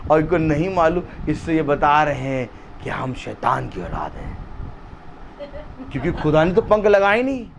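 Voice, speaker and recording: A man preaching a fiery sermon at a home gathering, shouting and repeating lines for emphasis. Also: fairly high pitch, very animated, normal speed, vocal fry, lo-fi sound, a little hiss or hum.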